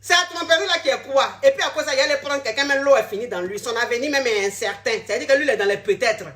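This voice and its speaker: Rapid-fire and blunt, a woman acting as a relationship coach lectures her viewers in a direct-to-camera social media video. Her high, bright voice scolds them, and she repeats her points over and over.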